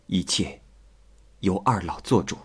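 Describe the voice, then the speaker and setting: A man voicing a modest young lady who speaks softly and slowly in a storybook retelling. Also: low-pitched, breathy edge, full character voice. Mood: subdued. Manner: soft, slow, subdued.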